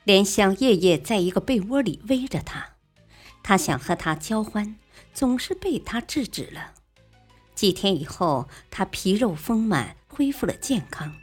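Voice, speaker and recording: Husky woman telling a classic tale. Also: medium pitch, a little slow. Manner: expressive, lively narration. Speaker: storyteller. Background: faint music.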